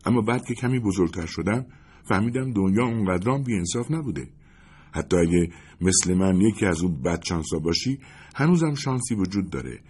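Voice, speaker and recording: A man's voice: low-pitched, lively intonation, slightly rough. A man voicing a chatty, curious young woman in a storybook reading, earnest and prodding. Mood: reflective. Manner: earnest and prodding, softening to a whisper when sneaking.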